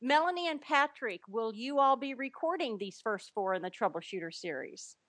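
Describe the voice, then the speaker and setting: A woman host reads listener questions aloud at a measured, deliberate pace. Her voice is on the higher side, and the recording is dry and close. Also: lively intonation, a bit bright, no room sound. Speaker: interviewer.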